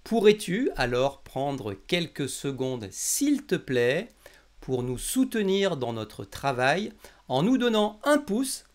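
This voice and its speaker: A man's voice: fairly high pitch, sing-song, takes it slowly. A man from France teaching in a scripted language lesson, articulating every word with exaggerated care. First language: French. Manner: over-enunciated, carefully articulated. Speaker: French teacher, lesson host.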